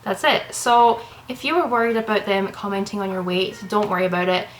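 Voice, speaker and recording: In this casual to-camera vlog, a young Canadian woman talks fairly quickly in a mid-range voice, breathless, wandering and soothing. Recorded on the camera mic, the audio is poor, with a little hiss or hum.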